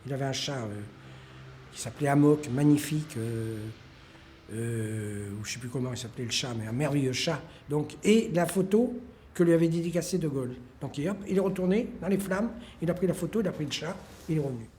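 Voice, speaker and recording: A man telling an anecdote in a lively way during a documentary interview. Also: a little high, fairly quick, a little hiss or hum. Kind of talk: anecdotal storytelling.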